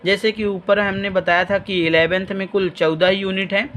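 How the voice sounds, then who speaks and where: High-voiced man teaching chemistry. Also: flat delivery, normal speed, a bit bright, highs cut off, a little hiss or hum. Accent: Hindi-speaking Madhya Pradesh. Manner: explanatory, directive, addresses students plainly. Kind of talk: screen-share exam lesson.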